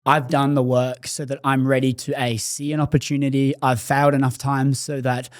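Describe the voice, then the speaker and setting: A man's voice: medium pitch, little pitch movement, moderate pace, dry recording. A man hosting a podcast interview, chatty and thinking aloud with plenty of fillers. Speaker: podcast host. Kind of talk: casual interview.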